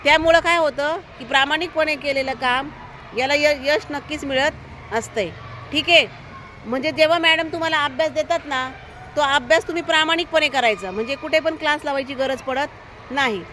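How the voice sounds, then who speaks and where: High, bright-voiced woman teaching children. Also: normal speed, slight background noise. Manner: asks the children constant questions, coaxing answers; gives firm, encouraging classroom instructions. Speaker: primary school teacher. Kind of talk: storytelling lesson with a class of children. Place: school, with outdoor traffic noise behind.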